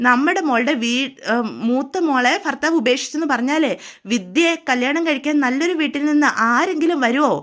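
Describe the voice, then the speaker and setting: A sharp-tongued, scheming mother barks orders at her husband, nagging and bossy, as a woman puts her on in her own high voice. The telling is an everyday storytelling voice with no big character acting. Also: fairly quick. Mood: scolding.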